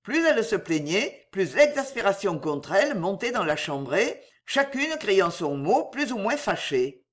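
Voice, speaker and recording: A woman's voice: medium pitch, measured pace. A woman narrating a novel as an audiobook, reading expressively. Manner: expressive reading, acts out each character.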